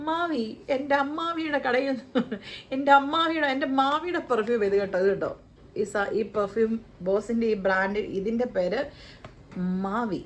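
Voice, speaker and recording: Woman, Malayali accent, casual haul chat, playful, faint background hiss. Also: fairly high pitch. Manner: chatty, playful, jokes about pronouncing brand names. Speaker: vlogger. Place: home, living in the UAE.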